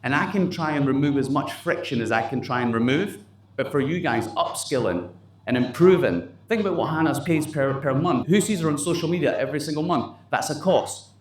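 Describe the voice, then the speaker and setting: A man's voice: a little high, animated, fairly quick. A man leading a company staff meeting, blunt and motivational, swearing casually as he talks. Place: office meeting room, indoors. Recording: roomy echo with faint background noise.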